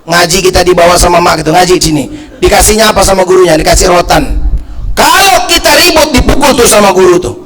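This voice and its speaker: Male preacher, middle-aged, from North Sumatra, high voice, loud, animated storytelling. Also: fast, a crowd in the background. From North Sumatra, Indonesia. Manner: animated storytelling, acting out voices of people in anecdotes; loud, shouting emphasis. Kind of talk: sermon.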